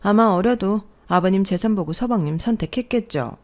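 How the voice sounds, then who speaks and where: A woman's voice: medium pitch, fairly quick, darkish tone, close to an everyday voice. A woman voicing condescending older sisters-in-law in an audio story, mocking the young bride sarcastically. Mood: sneering.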